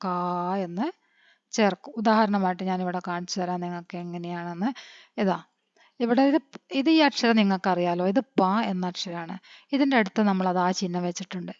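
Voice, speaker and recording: A woman, teaching a patient lesson and spelling letters out slowly, quizzing her pupils as she goes. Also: on the low side, a little mellow, dry recording. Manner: patient, asks the children questions and answers them. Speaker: Hindi teacher. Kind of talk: classroom-style lesson. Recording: dry, dull lo-fi recording.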